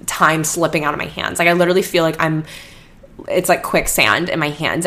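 A woman's voice: sits low, a bit bright. A young woman, rambling casually on her own podcast with lots of "like" fillers and restarts. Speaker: podcast host. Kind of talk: casual solo podcast chat.

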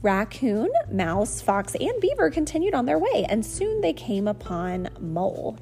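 A woman reading a children's storybook aloud to her kids in a lively, sing-song voice. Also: fairly high pitch, unhurried, soft background music.

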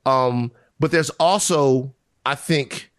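A man's voice: mid-range voice, takes it slowly, no echo, studio quality. A male podcast host who talks in a joking, self-mocking way. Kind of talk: podcast conversation.

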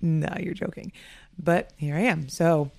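A woman's voice: deep voice, steady tone, a little slow, vocal fry, a little mellow, no echo. A young woman hosting a casual solo podcast, chatty and candid, often laughing and swearing. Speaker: podcast host.

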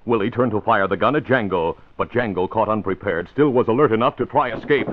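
A man with a voice on the low side narrates a 1940s radio crime serial, delivering the story briskly in a formal, dramatic style. Dramatic music plays behind him, and the old radio recording sounds muffled.

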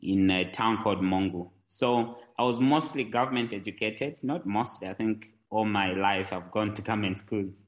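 Male podcast guest from Zambia, low pitch, unhurried anecdotal delivery. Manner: relaxed storytelling with fillers and restarts. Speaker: guest, tech entrepreneur. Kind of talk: conversational interview.

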